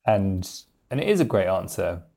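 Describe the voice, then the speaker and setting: A man's voice: low-pitched, sing-song, normal speed, vocal fry, dark tone. A man hosting a podcast interview, giving short encouraging replies and asking questions. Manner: brief encouraging backchannels. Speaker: podcast host.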